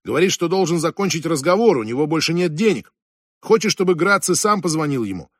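A police officer, read by a man, passes on a message in plain, matter-of-fact terms. His voice is husky and somewhat high. The sound is close and dry. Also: animated, fast talker, no echo. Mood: reporting. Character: police officer relaying a phone call.

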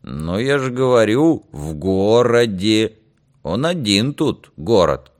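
Drawling old bar regular voiced by the narrator, easygoing and dismissive, audiobook. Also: male voice, fairly low pitch, very animated, slow pace, voice pushed up.

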